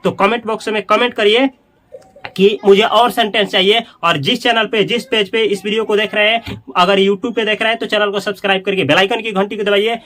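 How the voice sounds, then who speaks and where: A man teaches spoken English to his viewers. He repeats every phrase slowly several times and talks to them directly and casually. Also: high voice, fairly even intonation, bright, forceful tone. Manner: chatty, addresses viewers directly. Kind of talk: Hindi-medium English lesson.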